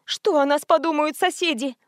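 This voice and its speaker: A woman voicing a frightened middle-aged mother who talks in a soft, pleading whimper. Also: high voice, normal speed, no room sound, studio quality, voice pushed up, natural voice. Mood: dismayed.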